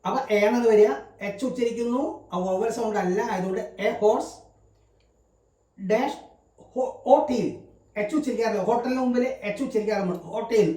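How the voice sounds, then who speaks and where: A man's voice: high-pitched, moderate pace, dark tone. A male English grammar teacher giving a lesson, explaining step by step and repeating example words. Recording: roomy sound from a distant mic.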